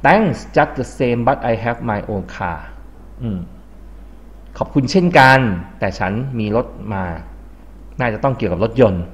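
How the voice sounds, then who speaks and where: A man's voice: mid-range voice, sing-song, slow pace. A man from Thailand teaching English vocabulary to a class, explaining words and quizzing the students. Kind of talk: classroom lesson.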